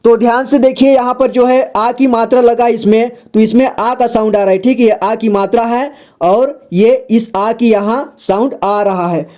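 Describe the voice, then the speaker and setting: A woman's voice: a little high, fairly even intonation, mellow. Patient woman teaching the Hindi alphabet. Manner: patient, repeats "ठीक है" and "देखिए" often, drills syllables slowly. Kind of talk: slow classroom explanation.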